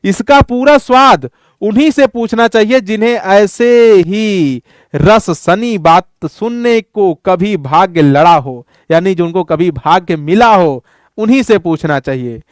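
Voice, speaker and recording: Man, teacher, playful, teasing, questioning students, high voice, dry close sound. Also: expressive, takes it slowly, no room sound. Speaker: Hindi teacher. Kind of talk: casual lesson explanation.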